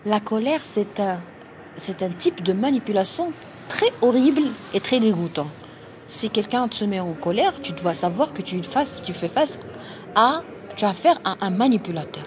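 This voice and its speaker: A Moroccan woman with a Moroccan accent, a doctor hosting a live stream, speaking emphatically and forcefully in a slightly tired voice. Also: medium pitch, sing-song, a little slow, pauses often, slight background noise. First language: Arabic. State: a bit tired. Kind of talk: live-stream talk to viewers.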